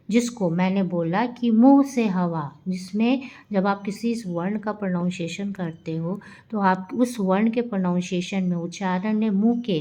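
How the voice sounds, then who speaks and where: Slow, mellow-voiced woman teaching. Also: medium pitch. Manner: explanatory, repeats points and checks with "theek hai". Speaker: Hindi teacher. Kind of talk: recorded classroom lesson.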